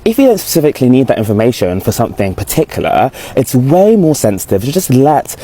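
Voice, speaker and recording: A young man calmly explaining to the camera outdoors, recorded on an earphone mic. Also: mid-range voice, slight background noise, low-quality recording. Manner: calm, measured, explanatory. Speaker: commentator. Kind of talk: informative talk to camera. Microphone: wired earphone mic.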